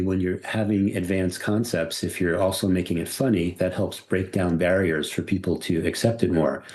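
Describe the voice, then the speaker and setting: A middle-aged man hosting a casual conversation. He talks in an animated, playful way and slips into character voices. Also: low-pitched. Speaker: podcast host and audiobook narrator.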